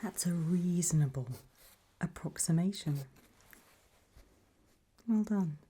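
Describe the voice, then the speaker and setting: A woman voicing a gentle, eerie undead guide in an ASMR role-play, slow and patient, with a breathy, husky soft voice as she softly gives instructions. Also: fairly low pitch, a little hiss or hum. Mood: patient, coaxing.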